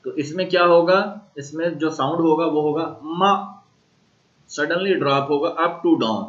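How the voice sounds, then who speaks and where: A man with a Pakistani accent giving a recorded university lecture, explaining slowly and repeating sounds aloud to model them. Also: fairly high pitch, dull audio. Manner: slow, repetitive explaining, modeling tones aloud. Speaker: language teacher.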